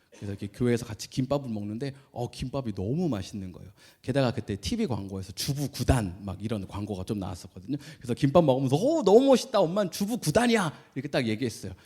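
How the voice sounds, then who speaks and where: A man in his thirties from Korea, a pastor preaching a sermon, animated in his storytelling and acting out voices with big jumps in pitch. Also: breathy edge.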